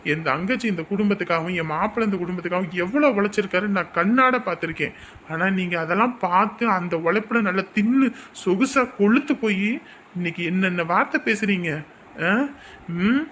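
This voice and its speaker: A man scolds his relatives loudly and indignantly, his voice high and bright. He keeps tagging his lines with a challenging "aa?". Faint outdoor noise sits behind him. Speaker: brother-in-law defending his sister's husband. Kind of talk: rural family drama acting.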